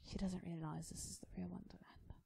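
Woman playing a frail mad hatter, male, hushed, wry, smirking, creaky, storybook character. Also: on the low side, flat delivery, brisk, dry recording, whispered, studio quality, heavily acted. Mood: quiet, confiding.

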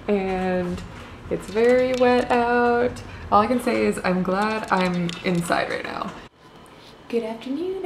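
This is a casual vlog chat from a young woman in her twenties, filmed close on a handheld camera in a small hotel room. Her fairly high voice is a little mellow, and she wanders from point to point with plenty of fillers and giggles. There's faint hiss over the roomy acoustics.

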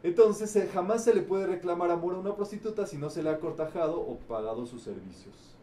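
A man leads a participatory lesson, his voice sitting a little high yet mellow and dark in tone. He asks the group questions, repeats each answer back, and caps his points with "¿verdad?". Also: animated, fairly quick, a little hiss or hum. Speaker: teaching facilitator. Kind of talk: interactive group teaching talk.

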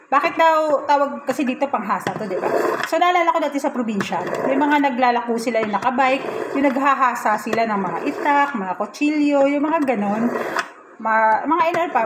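A woman's voice: sits high, normal speed, noisy background. A woman chatting casually in a home kitchen vlog, giggly and self-mocking. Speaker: vlogger.

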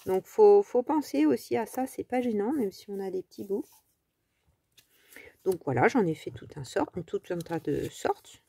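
A woman's voice: medium pitch, expressive, moderate pace, gravelly, mellow, slightly rough, no echo. A French woman hosting a casual crafting tutorial, talking in a chatty, rambling way with many fillers.

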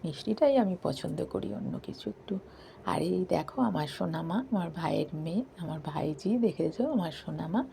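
A middle-aged woman recording a soft, hushed voice-over for her vlog from a balcony late at night, talking quietly while others sleep. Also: lowish voice, gravelly, a little hiss or hum. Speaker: vlogger. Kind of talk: softly spoken voice-over narration.

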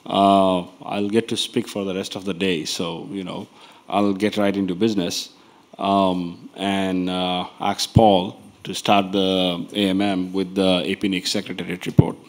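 A man chairing a conference members meeting from a panel table, speaking in an unhurried, informal way. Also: low voice, flat delivery.

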